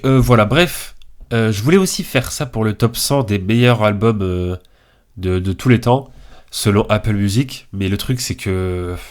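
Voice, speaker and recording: Low-voiced young man with a head cold. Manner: hesitant, many fillers and restarts. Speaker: video creator. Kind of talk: casual commentary on a ranking list.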